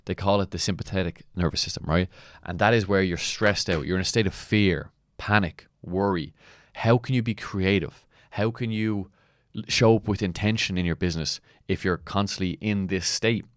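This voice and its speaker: Male mentor, very low voice, emphatic motivational commentary, dry sound. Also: moderate pace, no echo. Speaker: mentor and coach. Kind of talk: motivational commentary on a client testimonial.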